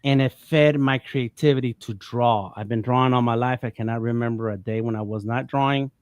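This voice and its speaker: Halting, rambling middle-aged man. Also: medium pitch, steady tone, smooth, no echo. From United States. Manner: rambling, halting, many restarts. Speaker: panel guest. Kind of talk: casual panel talk.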